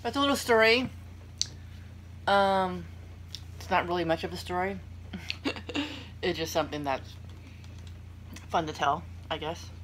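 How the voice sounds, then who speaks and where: A young woman hosting a mukbang talks to her viewers between bites in a low, slightly bright voice. Her unhurried rambling is self-deprecating, with clear background noise behind her.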